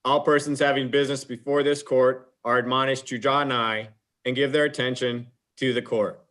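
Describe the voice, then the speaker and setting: An American man making a formal ceremonial court announcement as clerk, in a grand, solemn, measured proclaiming manner. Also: mid-range voice, little pitch movement, fairly bright tone.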